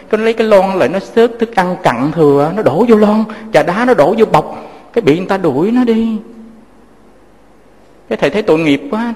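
High-voiced man preaching. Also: long reverb tail. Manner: gentle, addresses listeners as children, tells moving stories. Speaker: Buddhist teacher. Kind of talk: sermon with storytelling.

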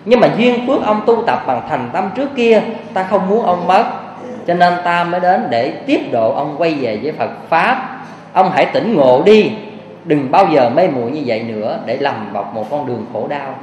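A man's voice: fairly high pitch, lively intonation, normal speed, a little mellow, close to an everyday voice. A man voicing a compassionate bodhisattva who solemnly admonishes an old man from the sky. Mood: solemn admonishing. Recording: echoey hall, faint hiss.

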